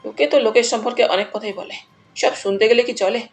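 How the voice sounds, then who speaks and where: A woman reading the part of a calm, self-assured young woman who answers firmly and with composure. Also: a little high, fast talker, soft background music, close to an everyday voice. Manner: composed, firm replies.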